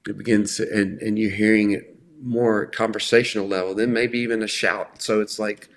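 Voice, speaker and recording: A middle-aged man giving an earnest, conversational talk on faith, slowing down to stress key words. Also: lowish voice, flat delivery. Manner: earnest, emphatic, often slows for stress. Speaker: faith speaker.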